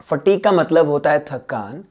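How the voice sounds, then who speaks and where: A man teaching an English spelling lesson. He mixes Hindi and English, repeats words and spells them out letter by letter, and often clears his throat. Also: a little high, animated, unhurried, a little mellow. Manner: switches between Hindi and English mid-sentence. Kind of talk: exam-prep spelling lesson.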